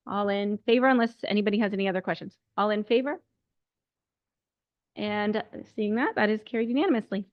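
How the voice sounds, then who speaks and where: A woman chairing a town council meeting, reading out a motion and calling the vote in a brisk, procedural way. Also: mid-range voice, no room sound. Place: council chamber. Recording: dull lo-fi council mic.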